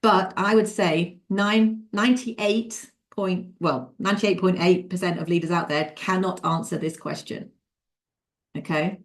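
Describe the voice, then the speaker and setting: Woman running a leadership webinar on a video call, lively, laughs a lot, chats with the room. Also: fairly low pitch, a little slow. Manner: lively, laughs often, addresses participants by name. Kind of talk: interactive webinar talk.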